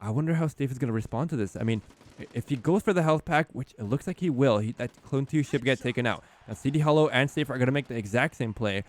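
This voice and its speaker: A man casting a live esports match as play-by-play commentator, getting louder and higher at the big plays. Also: quick pace. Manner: excitable, rising in pitch and volume at key plays. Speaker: esports caster.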